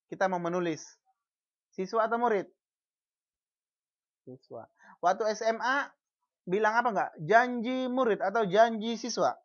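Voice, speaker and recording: Slow, muffled online teacher. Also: medium pitch. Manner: asks the class questions and answers them; frequent false starts and repeated syllables. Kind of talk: online class lecture. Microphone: video call.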